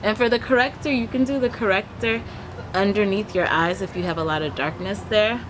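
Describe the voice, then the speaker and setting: A woman's voice: mid-range voice, a little fast. A young woman chatting casually to camera, explaining a tutorial step by step as she works. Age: young adult. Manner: chatty, explains step by step while applying makeup. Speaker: beauty vlogger giving a makeup tutorial. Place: backyard outdoors, leafy garden. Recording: noisy outdoor ambience, traffic hum. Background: outdoor ambient noise.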